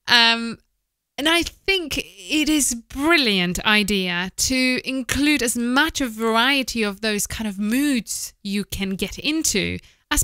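In a small indoor office, a woman in her thirties who produces voice-overs gives candid, opinionated advice to camera, podcast style. She speaks close into a studio mic with a foam windscreen while wearing headphones, and her medium-pitched, sharp voice comes through smooth and dry.

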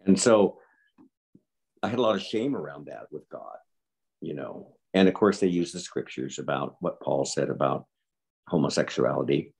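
A man's voice: very deep voice, lively intonation, moderate pace, vocal fry, a little mellow, breathy edge. A man in his seventies, an interview guest, speaking earnestly and reflectively and repeating words for emphasis. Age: 70s. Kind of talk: personal interview.

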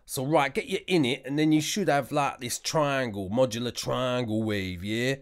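A man's voice: mid-range voice, moderate pace. A man giving a casual music production tutorial, joking around and mocking himself as he goes. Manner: jokey, slangy, self-mocking.

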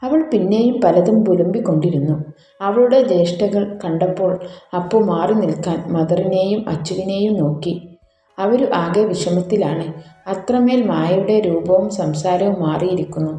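A woman narrating an emotional family story in a calm, even storytelling manner. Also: lowish voice, moderate pace. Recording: roomy echo, faint music.

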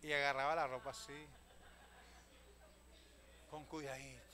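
A man, a pastor telling stories in a sermon, swinging from loud calls to hushed asides and often addressing listeners as brother. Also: medium pitch, level tone, normal speed. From Venezuela. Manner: storytelling preacher, swings from loud calls to hushed asides, keeps saying "hermano".

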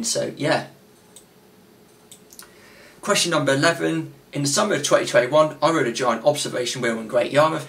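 A twenty-one-year-old man hosts a quiz to camera from a small bedroom with a gaming desk, rambling casually with lots of fillers and restarts. His medium-pitched, somewhat bright voice is getting tired.

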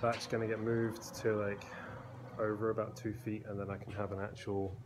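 This is a casual phone walkthrough by a blacksmith vlogger in his thirties, moving through his concrete-walled indoor workshop with the phone at arm's length. His fairly low voice keeps a moderate pace, relaxed and meandering, with plenty of fillers and restarts over noisy background.

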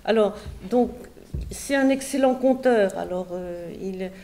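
A woman translator presenting a book to an audience, halting and repeating words with many fillers. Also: mid-range voice, warm tone. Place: book fair talk.

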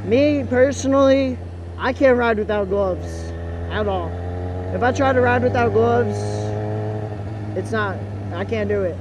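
High-pitched young man talking inside a helmet. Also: sing-song, a little slow. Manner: rambling, repeats himself. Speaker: motorcycle vlogger. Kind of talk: casual opinion vlog while riding. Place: inside a helmet, riding a motorcycle outdoors. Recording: muffled helmet mic, loud engine and wind noise.

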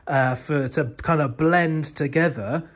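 A British host in his thirties fronts a museum explainer video, speaking to camera in a room crowded with synthesizers. His pitch is fairly high and he takes his time, keeping the tone chatty and enthusiastic.

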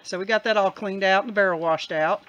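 A person filming and narrating homestead chores in a relaxed, step-by-step way. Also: medium pitch, quick pace, lo-fi sound. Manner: easygoing, explains step by step with fillers. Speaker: camera operator and co-narrator. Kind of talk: casual vlog narration.

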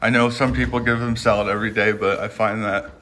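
A man filming himself on a handheld phone camera in a pet room at home, chatting casually and coaching his lizards with a high, coaxing voice. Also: little pitch movement, fast, sharp tone. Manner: chatty, filler-heavy, coaxing pets in a high sing-song voice. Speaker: reptile keeper filming his pets. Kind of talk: casual vlog narration.

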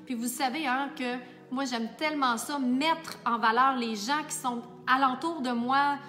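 A Québécois woman, a makeup artist and teacher, chatting warmly and enthusiastically to her viewers in a casual vlog. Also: sits high, fairly even intonation, unhurried, big-room sound, soft background music. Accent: Québécois French. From Quebec. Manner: warm, enthusiastic, talks straight to viewers.

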